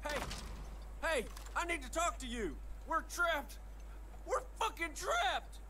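A frantic, foul-mouthed pilot. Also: male voice, extremely high pitch, big pitch swings, slow pace, background noise, exaggerated voice. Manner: pleading, swearing. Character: desperate male pilot, expecting father, foul-mouthed. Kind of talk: video game dialogue.

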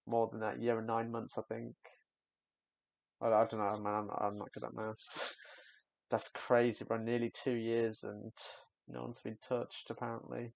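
A man's voice: medium pitch, completely flat delivery, a little slow, vocal fry, no room sound. A young man giving casual, candid reaction commentary on a music video, rambling and trailing off with fillers.

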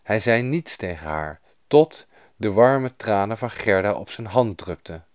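A man reads a fairy tale aloud with a bouncy, animated voice. The recording is dry and a little dull, like an older lo-fi track. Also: on the low side, unhurried, clean tone, dry recording. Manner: lively storybook reading, voicing each character. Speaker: storyteller. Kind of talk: scripted fairy-tale narration.

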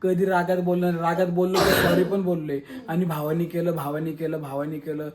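A man's voice: a little high, flat delivery, a little fast. Taunting man ranting in an echoey room. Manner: taunting, contemptuous. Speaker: vlogger. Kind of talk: heated family-feud video rant.

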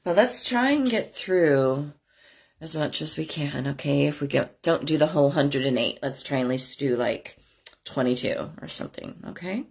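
A woman teaching a spiritual class, talking in a chatty, rambling way and leading slow, steady chants, her voice stuffy and scratchy from a cold. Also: low-pitched, vocal fry, husky. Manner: chatty, rambling asides with soft laughs.

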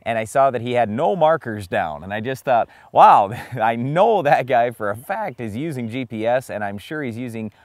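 A man's voice: medium pitch, expressive, normal speed, hardly any pauses, no echo. A man in his forties co-hosting a farm show outdoors in a field, telling folksy stories in plain talk. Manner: folksy, plain-spoken storytelling.

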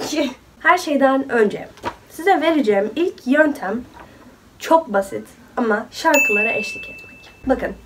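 A chatty vlogger in her twenties who laughs often and talks casually, her voice a little off from a cold. She sounds fairly high-pitched and sits a bit away from the mic. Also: darkish tone, recorded from a distance. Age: 20s. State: sick with a cold. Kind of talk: casual chat.

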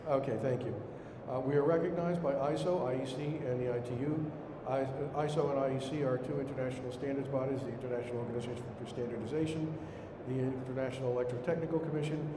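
A middle-aged man with a Brooklyn accent giving a formal slide presentation to a conference room, in a halting way. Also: mid-range voice, steady tone. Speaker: conference speaker standing in for a director. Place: indoor conference room with seated audience. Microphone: podium microphone, later picked up by hand. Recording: echoey hall, noisy room ambience.

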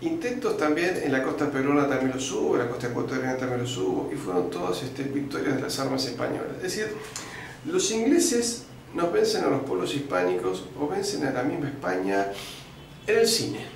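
An Argentine man lays out history like a patient lecturer, pausing on "eh" and "este" and now and then clearing his throat. His voice sits at an ordinary middle pitch. It rings around a very echoey room with a faint hiss of noise underneath. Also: sing-song. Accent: Argentine Spanish. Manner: didactic storyteller, uses fillers like "este" and "eh", clears throat often. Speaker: interview guest.

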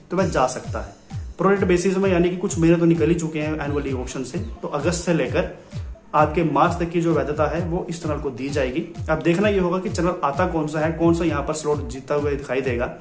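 Young male news host, slightly high voice, chatty update to camera, roomy recording. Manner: chatty, repeats filler phrases, addresses viewers as friends. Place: small room indoors.

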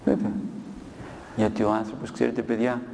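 A man's voice: lowish voice, level tone, vocal fry, mellow. A monk priest giving a sermon to children, telling a story and often asking his listeners questions. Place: monastery hall. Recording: long hall reverb with faint ambient noise.

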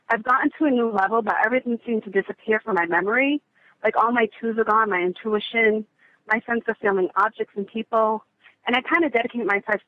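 A woman's voice: mid-range voice, no room sound. Breathless woman caller on a phone line. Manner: fast, earnest, slightly out of breath. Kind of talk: caller asking a question. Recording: tinny, dry phone line.

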